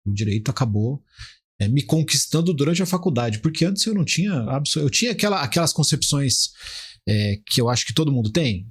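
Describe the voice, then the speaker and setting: Brisk, husky and sing-song, this mid-range voice belongs to a forty-something Brazilian criminal defence lawyer guesting on a podcast. He explains things conversationally in his interview answers and keeps restarting his sentences.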